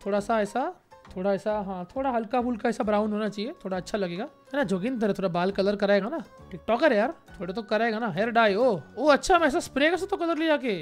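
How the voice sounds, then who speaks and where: A young man giving casual, joking gameplay commentary as a gaming YouTuber, excitable and repeating phrases in quick bursts. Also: high voice, soft background music.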